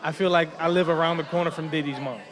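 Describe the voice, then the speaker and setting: A man in his thirties with a New York accent, talking quickly and casually. His voice is a little high, and he swears without a second thought. A crowd murmurs clearly behind him. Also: steady tone. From New York (South Bronx). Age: 30s. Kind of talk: casual chat.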